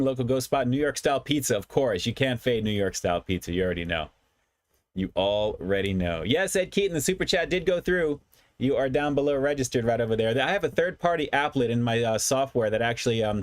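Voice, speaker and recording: A man's voice: medium pitch, dry recording. Casual man hosting a food livestream, dry sound. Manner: repeats phrases for emphasis. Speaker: livestream food review host. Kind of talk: casual livestream chat, reading and answering comments.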